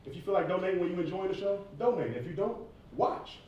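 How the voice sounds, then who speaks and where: A man's voice: high voice, expressive, quick pace, a little mellow, dull audio. Male rapper, thirties, conversational and emphatic audience Q&A, roomy distant sound with faint noise. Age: 30s. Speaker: rapper and stage performer answering audience questions. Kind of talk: informal question-and-answer talk to students. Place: roomy indoor campus event space. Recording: echoey room, distant mic, faint noise.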